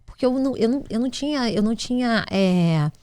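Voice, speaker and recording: A woman from Brazil tells her own story in an interview, with a higher-pitched voice that keeps jumping into dialogue. She restarts her sentences often as the feeling builds. The sound is close and dry. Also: fast talker, no echo. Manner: animated, acts out dialogue with many restarts. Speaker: guest, restaurant business owner. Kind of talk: emotional personal storytelling in an interview.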